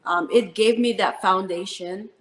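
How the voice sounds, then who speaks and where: A woman's voice: medium pitch, steady tone, measured pace, echoey room. A woman in her thirties, from the Philippines and raised in New Jersey, an Army first sergeant telling her story in an interview with earnest, heartfelt talk and many fillers. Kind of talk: interview conversation.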